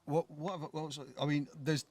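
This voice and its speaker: On a podcast, a co-host with a thick London accent who lives in Ireland chats casually about films, rambling, swearing freely, and piling on fillers and restarts. His voice is a little high and darkish, with a steady tone and normal speed.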